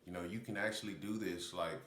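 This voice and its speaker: A man's voice: low voice, steady tone, brisk, a bit bright. A man with congested sinuses giving casual, loosely explained instruction in a breathing technique. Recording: roomy echo, faint background noise.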